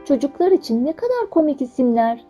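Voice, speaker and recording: A woman's voice: high-pitched, big pitch swings, brisk, warm tone, faint music behind, voice pushed up. A woman voicing a sweet, cheerful young princess in a storybook reading, raising her voice a little for the part. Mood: delighted.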